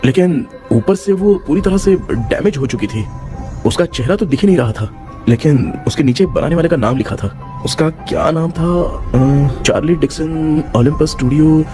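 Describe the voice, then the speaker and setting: A young man acting in a comic sketch as a worried son, anxious and excitable. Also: fairly high pitch, moderate pace, faint music behind.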